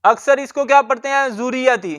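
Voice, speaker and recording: A man teaching Quran recitation, drilling words slowly and asking questions that he answers himself. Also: very high-pitched, bright, forceful tone, clear, resonant tone.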